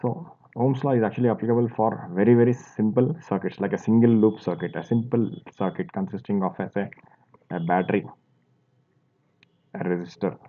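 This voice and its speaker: A man from India teaches a physics lesson, drawing as he explains each step, with fillers and restarts along the way. His voice is fairly low, brisk, and dark in tone. The audio sounds thin and tinny, like a phone.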